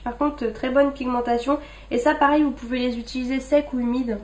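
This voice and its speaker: A woman's voice: high voice, steady tone, a little fast, a little mellow. A young woman casually showing makeup to camera, chatty and thinking aloud with many fillers. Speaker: beauty vlogger.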